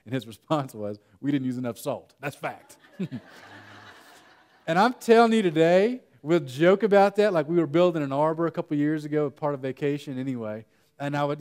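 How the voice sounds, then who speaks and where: A young man giving a lively conference workshop talk, telling funny stories to the room. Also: a little high. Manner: animated storytelling, jokes with the audience. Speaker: workshop speaker. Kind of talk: conference breakout presentation.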